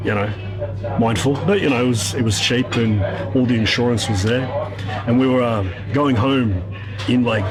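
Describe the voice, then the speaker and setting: Music plays clearly behind an Australian man with a mid-pitched voice. He tells casual touring stories in a dry, meandering, sweary way. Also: rough recording. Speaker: touring band member. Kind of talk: casual anecdote telling.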